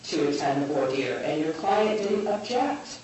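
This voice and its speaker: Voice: medium pitch, expressive, unhurried, darkish tone. An appellate judge questioning a lawyer in court in a challenging, insistent manner. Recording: very echoey distant courtroom, faint noise.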